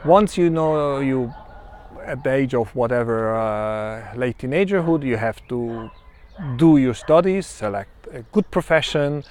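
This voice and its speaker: Hungarian-accented man, 50s, reflective personal monologue, mid pitch. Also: lively intonation, a little mellow, a little hiss or hum. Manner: measured and reflective, many ums and pauses. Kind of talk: personal self-introduction monologue.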